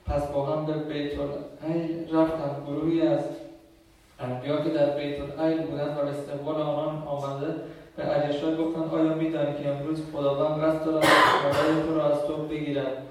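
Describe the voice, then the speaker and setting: Monotone man reading scripture in an echoey hall. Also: on the high side, far from the mic. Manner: slow, flat, measured reading. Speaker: scripture reader. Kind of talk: reading scripture aloud in church.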